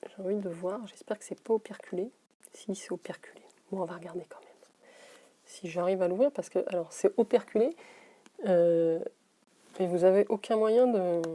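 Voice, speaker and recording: A woman chatting casually as she unboxes beauty products, laughing to herself and reading labels slowly. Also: mid-range voice, mellow. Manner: slows to read labels, drops to a whisper on names. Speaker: beauty vlogger.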